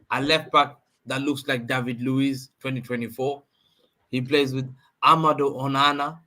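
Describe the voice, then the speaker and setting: On a livestream football debate that's gotten heated, a guest, likely a man in his thirties, makes his case emphatically and keeps repeating phrases to press his points. His voice is mid-pitched with a sharp edge.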